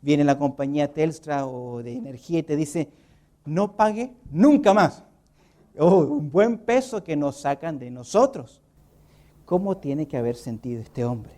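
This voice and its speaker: A preacher delivers an emphatic sermon and keeps tossing rhetorical questions to the listeners. The voice rises for emphasis, then sinks low and quiet to drive a point home. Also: animated, normal speed. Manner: swings between loud lifts and low quiet drops.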